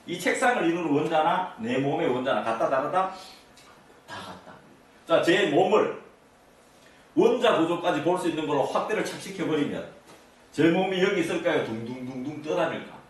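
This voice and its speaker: A man's voice: a little high, lively intonation, normal speed, long pauses. A man giving an interactive lecture to an audience, constantly asking them either-or questions. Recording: echoey room, mic at a distance.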